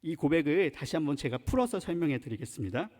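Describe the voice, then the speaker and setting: A man's voice: on the high side, very animated, quick pace, a little mellow. A male pastor preaching a sermon, earnestly explaining a scripture passage. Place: church sanctuary. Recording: long church reverb.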